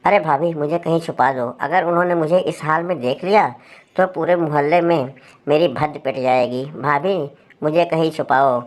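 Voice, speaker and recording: A woman's voice: sits low, normal speed, natural voice. A woman reading the lines of a nervous, clumsy young male college student in a storybook tale, in a pleading, flustered way. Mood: panicked.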